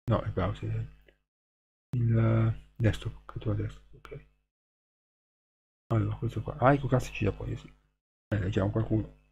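A man's voice: on the low side, level tone, normal speed, gravelly, long pauses, dull audio. A man streaming live, casually reading short poems aloud and counting their syllables in a hesitant way. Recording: noisy hum behind the voice.

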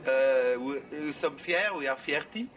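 An actor playing a bumbling airline pilot who makes cockpit intercom announcements in a French accent, stumbling through broken English with many hesitations. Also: male voice, mid-range voice, expressive, measured pace, over music. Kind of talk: comedy sketch. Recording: distant voice with faint ambience.

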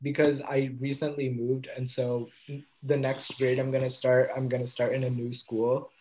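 A man's voice: mid-range voice, flat delivery, moderate pace, slight background noise, rough recording. Chatty teenage boy, trailing off. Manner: chatty, trails off and drops quieter at ends of thoughts. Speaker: podcast co-host. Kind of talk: casual chat.

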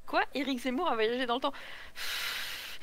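A woman co-hosting a live manga chat who sums up plots in a brisk, sarcastic way. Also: sits high, fairly bright tone. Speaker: streamer co-host reviewing manga. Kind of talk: casual chat with scripted summary. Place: live stream.

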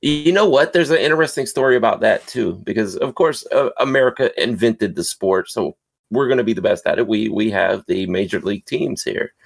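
A man's voice: lowish voice, brisk, creaky. A man hosting a podcast in casual chat, a chatty storyteller who laughs easily.

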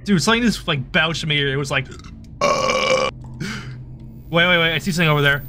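A man's voice: a little high, brisk, a little hiss or hum. A young man chatting while playing a horror game with a friend, teasing him and yelping when startled. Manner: jumpy, yelps and shouts when startled, teasing. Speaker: gaming co-player. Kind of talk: casual gaming chat. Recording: music over the voice.

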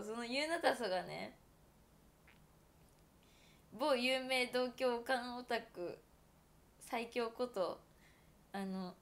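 A woman's voice: a little high, fairly bright tone. A woman in her twenties from Toyama, chatting casually and giggling often as a livestream host, filling her talk with fillers. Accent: Toyama Japanese. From Japan (Toyama). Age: 20s. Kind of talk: casual solo livestream chat.

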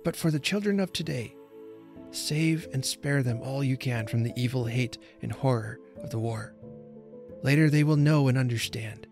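A man voicing a grave, solemn old Father Time who speaks gently and gravely. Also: medium pitch, moderate pace, faint music behind, close to an everyday voice.

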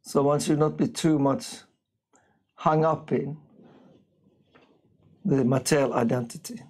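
An older man from Norway with a Norwegian accent, giving an informal spiritual class in a small bright room, speaking haltingly with frequent throat-clearing. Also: fairly high pitch, fairly even intonation, low-quality recording. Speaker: visiting speaker.

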